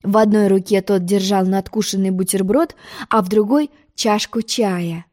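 A woman calmly narrating a children's storybook. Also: medium pitch, moderate pace. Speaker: audiobook narrator.

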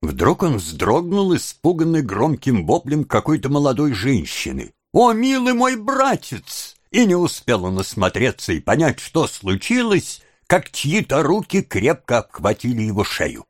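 A man narrating a classic novel as an expressive storyteller. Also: medium pitch, moderate pace, few pauses, breathy edge, dry recording, studio quality. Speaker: audiobook narrator. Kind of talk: scripted narration.

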